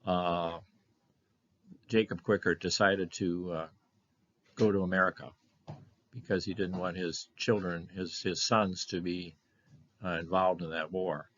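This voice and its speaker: Slow, halting older man giving a lecture. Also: sits low, little pitch movement, a bit bright. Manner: halting, many fillers and restarts. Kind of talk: presenting a slide lecture on family history. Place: meeting room of a historical society. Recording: dull lo-fi lecture recording.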